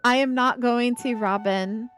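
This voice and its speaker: A woman from Ohio with a slight Appalachian accent and a slight speech impediment, chatting casually with viewers while she builds, playful and quick to laugh. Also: on the high side, steady tone, fairly bright tone, faint music behind. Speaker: streamer. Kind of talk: casual live-stream chat while building.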